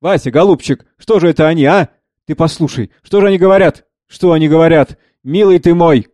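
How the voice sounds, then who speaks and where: A man reading the part of an agitated young freethinker who shouts, mocks and pleads. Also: a little high, brisk, no echo, clean studio sound, voice pushed up, close to an everyday voice. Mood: frantic.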